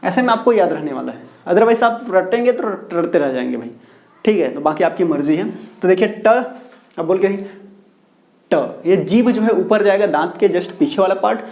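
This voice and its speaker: A man's voice: high voice, animated, moderate pace, darkish tone. A male teacher giving a classroom lesson on pronunciation, asking questions and answering them himself, repeating the key words. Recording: roomy echo.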